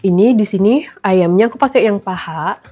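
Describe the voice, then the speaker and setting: Recovering from the flu, this thirtysomething mother and vlogger sounds congested and nasal as she makes a casual cooking video in her kitchen, frequently addressing the audience in a chatty way. She speaks at a moderate speed in a medium, dark-toned voice, with gentle music playing behind her.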